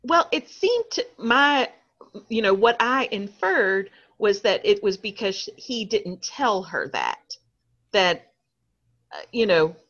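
A woman's voice: mid-range voice, sing-song, slow pace, a bit bright, dull audio. A woman co-hosting a casual chat, laughing often and poking fun at herself. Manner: chatty, laughs often, self-deprecating. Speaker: podcast co-host.

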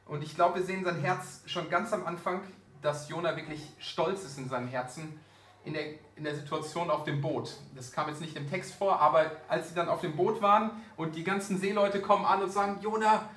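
Male preacher, lively casual storytelling, slightly high voice, echoey church hall, mic kinda far. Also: moderate pace. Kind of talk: sermon. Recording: roomy echo, distant mic.

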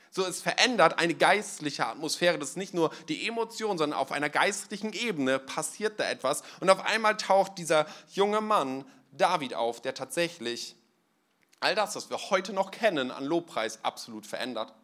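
Speaking directly to the people in his church, a notably high-voiced man preaches in a laid-back, narrative way. It's a conversational sermon full of plain, everyday language and relaxed filler words.

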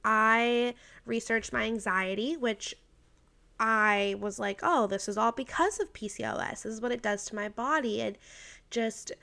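A woman's voice: on the high side, a little slow, gravelly, pushed and bright. A woman in her twenties chatting through a personal story, filling her talk with "like" and quoted dialogue, emotional and laughing now and then. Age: 20s. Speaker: vlogger.

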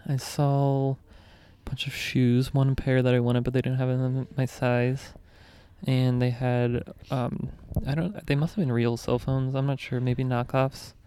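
A man's voice: mid-range voice, level tone, measured pace, warm tone, smooth. A young man chatting casually about travels, easygoing and explanatory, with frequent fillers.

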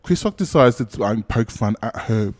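A man's voice: lowish voice, lively intonation, normal speed. A man, co-hosting a podcast in casual chat, gossiping animatedly and swearing a lot. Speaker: podcast co-host.

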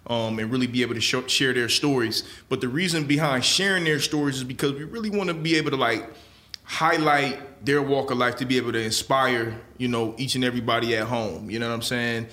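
Bright-voiced laid-back male podcast host. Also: mid-range voice. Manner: laid-back, repeats "man" and "you know what I'm saying". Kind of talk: casual podcast interview.

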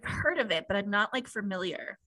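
A woman co-hosting a podcast, recapping a show in excitable, gushing casual chat with casual swearing. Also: medium pitch, a little fast, low-quality recording. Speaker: podcast co-host.

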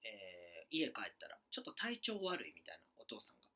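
Kansai-accented male co-host, lively storyteller with sudden whispers, bright husky tone. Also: on the low side, a little fast. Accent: Kansai Japanese. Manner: animated storyteller acting out quotes, drops to whispers. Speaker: radio show co-host. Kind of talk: casual chat, telling a ghost story.

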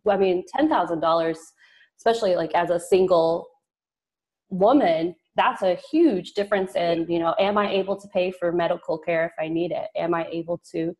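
A woman from rural southeast Oklahoma, a school intervention facilitator, talking about her career as a guest in a casual podcast interview, chatty and quick to laugh. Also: on the low side, darkish tone. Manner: chatty, laughs often, trails off.

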